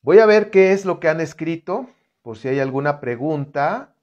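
A man's voice: fairly high pitch, animated, moderate pace, darkish tone, dull audio. A man leading a live-streamed Bible reflection, reading scripture aloud and talking to viewers in an earnest, conversational way. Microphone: computer setup.

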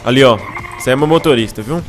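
A man's voice: mid-range voice, fast talker. A man with a Brazilian accent doing playful gameplay commentary, mixing jokes with swaggering mock-thug role-play. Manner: excitable, jokey, swaggering mock-thug banter. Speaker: gaming YouTuber. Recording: loud game music under the voice. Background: game music and gunfire.

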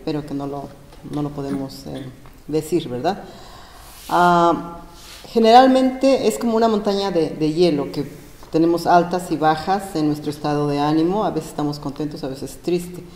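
Casting: hesitant woman from Mexico explaining a health topic, dark mellow tone, hall reverb. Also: fairly low pitch. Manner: hesitant, many fillers and restarts. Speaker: panel guest. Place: large school gym. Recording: roomy echo, long gym reverb.

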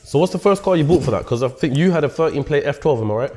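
Very fast-talking young British man interviewing. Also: fairly high pitch, expressive, dark tone. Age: young adult. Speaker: podcast host, interviewer. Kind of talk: casual interview. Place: indoor meeting room at a table.

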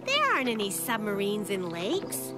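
A woman voicing a confident, quick-witted little girl in a cartoon, with a perky, sassy manner. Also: medium pitch, huge pitch swings, over music. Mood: curious, friendly. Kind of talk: cartoon voice acting.

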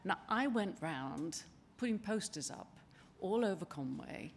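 Standing at a lectern in a spacious hall lined with wood panelling, an older woman gives a conference talk in a medium-pitched voice with lively intonation. She speaks in a steady, chatty way, often pausing with ums and starting sentences over. Her lectern mic carries a faint hiss or hum.

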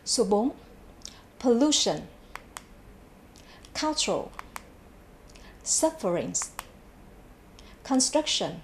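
A woman with a fairly high, very animated voice delivers a televised English vocabulary lesson from a TV studio. She repeats every English word twice before explaining what it means, speaking clearly and at a measured classroom pace, with slight background noise.

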